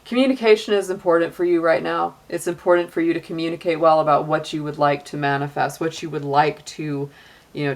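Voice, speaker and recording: A middle-aged woman giving a casual tarot reading, chatty, with frequent laughs and many "you know" and "like" fillers. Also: sits low. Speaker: tarot reader.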